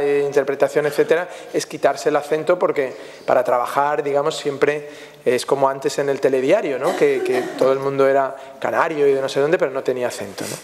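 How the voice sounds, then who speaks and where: A man's voice: a little high, darkish tone. A man from Spain, a film director answering questions at a press conference, telling anecdotes in a reflective way with frequent tag questions. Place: festival press room. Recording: long hall reverb.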